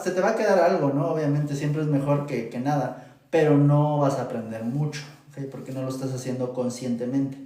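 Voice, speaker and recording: A man's voice: a little high, dark tone. A man teaching English pronunciation in a live stream, patient and repeating "ok?" to check in. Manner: patient, repeats "¿ok?" often, exaggerates sounds to demonstrate. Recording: very echoey room, voice a bit far from the mic.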